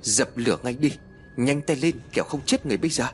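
A man's voice: medium pitch, quick pace, lightly acted. A man voicing a stern, arrogant old male exorcist who scolds and gives orders in a storybook tale. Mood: furious. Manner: commanding, scolding.

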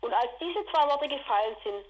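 A woman, telling her own story in an interview, indignant and rushed. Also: high-pitched, expressive, a little mellow, muffled recording. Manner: agitated, indignant, rushed retelling. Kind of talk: emotional personal account.

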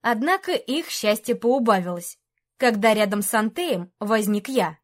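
Casting: female audiobook narrator, even storytelling delivery, somewhat high voice. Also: a little slow.

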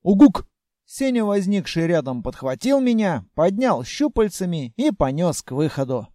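A man narrating a fantasy audiobook in the first person, wry and animated. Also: sits high, moderate pace, dry recording, clean studio sound.

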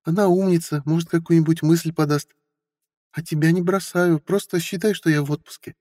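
A man's voice: on the high side, fairly even intonation, fairly quick, dark tone, no room sound, studio quality, long reverb tail, pitched above the performer's own voice, close to an everyday voice. A man reading an audiobook who voices a bitter, hurt forty-year-old wife with a sarcastic manner. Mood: weary bitter. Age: 40s. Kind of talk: audiobook character voice.

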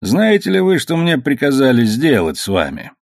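A man reading the part of a sly, good-natured ship captain who talks in a smooth, bargaining way. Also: medium pitch, very animated, normal speed, no room sound, clean studio sound, pitched above the performer's own voice.

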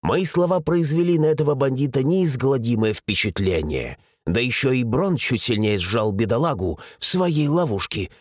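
Husky-voiced man reading an audiobook. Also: mid-range voice, animated, moderate pace, few pauses, no room sound, studio quality. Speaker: audiobook narrator. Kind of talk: first-person audiobook narration.

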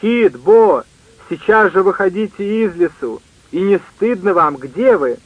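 A man's voice: on the high side, lively intonation, moderate pace, dry recording, narrow, tinny audio. A man reading an audiobook, voicing a tipsy grown man who teases and bosses his friends. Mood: mocking. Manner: mocking, bossy.

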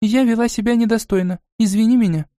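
In this audiobook, a spoiled young noble girl voiced by a man speaks in a high, shrill tone, full of scorn and demands. The sound is dry and close, with no room behind it. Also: quick pace, dark tone, no echo, lightly acted. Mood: contrite.

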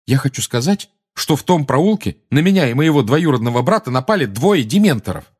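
A man doing a loud defiant teenage boy. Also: mid-range voice, very animated, brisk, husky, voice pushed up. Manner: loud, insistent.

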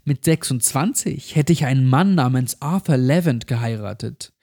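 A man's voice: medium pitch, expressive, moderate pace, vocal fry, a little mellow. A man voicing a tortured little girl in a horror story, speaking in a raised, thin voice that turns bitter and accusing. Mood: vengeful. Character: mutilated little girl, weak then enraged.

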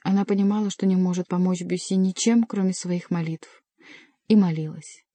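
A woman narrating an adventure novel as an audiobook reader, in an even, measured storytelling manner. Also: on the low side, dry recording. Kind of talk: scripted narration.

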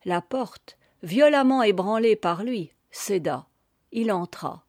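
Slow, mellow woman reading a story. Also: mid-range voice, expressive, no echo, clean studio sound. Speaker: audiobook narrator. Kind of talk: scripted narration.

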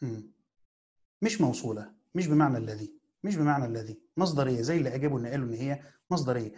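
A man's voice: medium pitch, lively intonation, a little mellow. A man with an Egyptian accent teaching a classical Quran commentary in casual lecture style, often asking his students questions and answering them himself. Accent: Egyptian Arabic. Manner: asks and answers his own questions, drawn-out pauses.

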